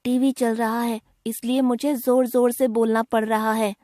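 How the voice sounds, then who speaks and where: A woman voicing a loud, direct schoolboy in a textbook dialogue, with a slightly raised childlike voice and blunt questions. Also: a little high, flat delivery, measured pace, no echo, clean studio sound, close to an everyday voice. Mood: questioning, defending.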